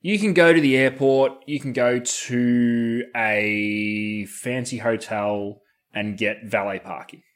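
A man's voice: mid-range voice, fairly even intonation, slow pace. Casual Australian man chatting. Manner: laid-back colloquial slang. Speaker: podcast co-host. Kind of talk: casual chat.

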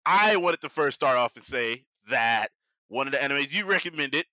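A man's voice: mid-range voice, expressive, normal speed, sharp tone, no echo, poor audio. A man hosting a podcast, chatting casually about anime in an informal, slangy, upbeat way. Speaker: podcast host.

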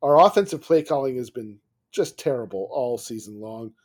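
A man co-hosting a sports podcast, talking in long runs with restarts and getting animated and laughing when riled. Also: mid-range voice, moderate pace. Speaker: podcast co-host. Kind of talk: casual sports podcast chat.

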